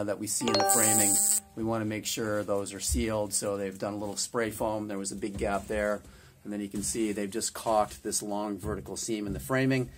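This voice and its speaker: A man's voice: fairly low pitch, slight background noise. A man in his fifties, a home builder, walking through a renovation site, talking easily with many filler "uh"s, filmed on a handheld camera. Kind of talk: on-site walkthrough vlog. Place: outdoors at a construction site, then inside a house under renovation. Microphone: handheld camera at arm's length.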